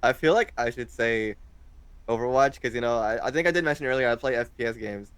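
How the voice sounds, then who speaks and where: A man's voice: mid-range voice, a little fast, smooth, no echo. A young man in his twenties, chatting casually as an interview guest, hesitant and full of fillers. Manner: hesitant, rambling with many fillers.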